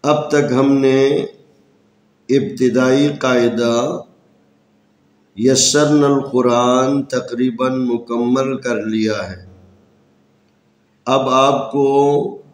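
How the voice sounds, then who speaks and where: Man teaching Quran letter sounds slowly. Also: mid-range voice, fairly even intonation, echoey room. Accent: Pakistani Urdu. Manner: chants Arabic openings, then spells letters and vowel marks one by one. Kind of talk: slow spelled-out recitation lesson.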